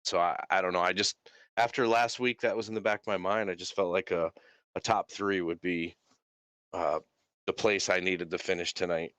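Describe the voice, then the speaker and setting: A man's voice: deep voice, fairly even intonation, moderate pace, a bit bright, clear, resonant tone, dry recording. A man chatting casually as a racing driver being interviewed.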